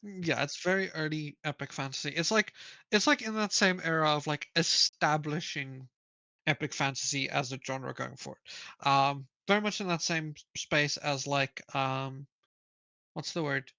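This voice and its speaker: A man's voice: a little high, normal speed, pushed and bright, no room sound. A man co-hosting a book club livestream, rambling casually with fillers and laughing at his own slips. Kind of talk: casual live-stream chat.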